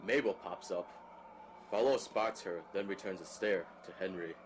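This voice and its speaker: A man with a low voice reads the stage directions of a drama script as narration at a moderate pace. The background is clear of noise.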